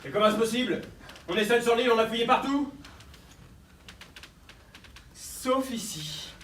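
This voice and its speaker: High-voiced, sardonic, insistent man played by an actor. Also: animated, a little slow, fairly bright tone, full character voice. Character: sardonic, forceful male guest turned insistent investigator. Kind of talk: stage play acting. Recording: echoey stage, distant mic, faint noise.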